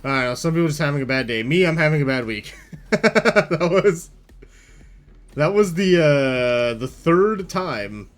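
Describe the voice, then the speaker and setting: A man's voice: fairly high pitch, expressive, measured pace. A man telling a casual story, rambling, packing his speech with "like" and swearing freely. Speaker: VTuber telling a work story.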